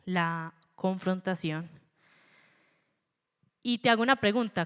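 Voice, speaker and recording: Animated woman preaching in a reverberant hall. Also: medium pitch, clear, resonant tone. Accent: Colombian. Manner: animated, acts out quoted voices, stutters for effect. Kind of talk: sermon.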